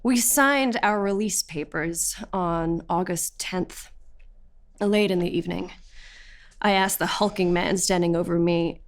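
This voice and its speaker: A woman's voice: on the low side, measured pace. An actress playing a defiant young woman of twenty-one, telling her arrest story as documentary theatre testimony. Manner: animated, vivid storytelling. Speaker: actor.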